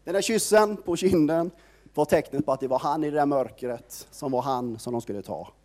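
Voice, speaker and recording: Mellow-voiced man retelling scripture casually. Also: fairly high pitch. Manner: conversational storytelling, constant filler words. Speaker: preacher. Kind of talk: informal sermon retelling a Bible story.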